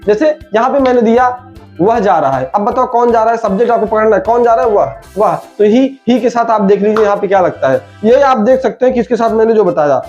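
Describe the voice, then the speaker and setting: A man's voice: high voice, lively intonation, fairly quick, darkish tone. A man teaching an online English grammar lesson, repeating each rule and calling the listener his friend. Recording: dull lo-fi sound with faint music.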